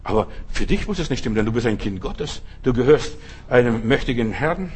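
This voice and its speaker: A middle-aged male preacher giving a fervent sermon, talking straight to the listener and swinging between loud exhortation and quiet asides. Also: mid-range voice, lively intonation, brisk, slight background noise. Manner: addresses listener directly as du.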